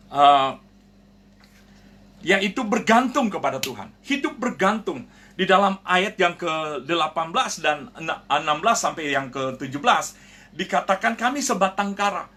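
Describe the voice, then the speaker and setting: A man's voice: high-pitched, bright, forceful tone. A man pastor preaching a sermon to his congregation, earnest and direct, often calling listeners "brothers and sisters" and acting out the voices in his stories. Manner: earnest preaching, addresses listeners as "saudara", acts out quoted voices. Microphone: online prayer broadcast.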